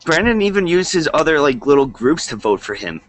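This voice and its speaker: A man's voice: a little high, very animated, brisk. A man joking and teasing others in a casual video-call chat.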